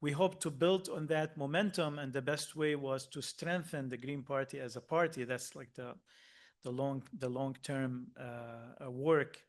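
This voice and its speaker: A man originally from Lebanon giving a workshop talk, earnest and hesitant, with frequent pauses and restarts. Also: medium pitch, steady tone. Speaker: workshop speaker.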